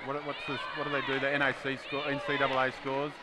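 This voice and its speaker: A man's voice: mid-range voice, completely flat delivery, fast talker. Australian man over a roaring gym crowd. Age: middle-aged. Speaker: interview guest, player's father. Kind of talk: casual live interview. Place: indoor basketball gym during a game. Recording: very loud gym crowd and bouncing balls.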